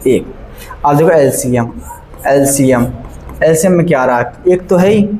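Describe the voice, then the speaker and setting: A man's voice: on the high side, expressive, a little slow, mellow. A male math teacher giving a classroom lesson, working sums aloud step by step and keeping the students engaged with questions. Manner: keeps asking the class questions and checking they follow; works sums aloud step by step, repeating numbers. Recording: echoey classroom, faint background noise.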